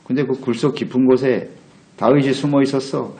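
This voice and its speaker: A man's voice: medium pitch, fairly even intonation, fairly quick, mellow, rough recording. A male pastor preaching a meditation sermon, earnest, putting rhetorical questions to his listeners. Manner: earnest, asks the congregation rhetorical questions, acts out quotes.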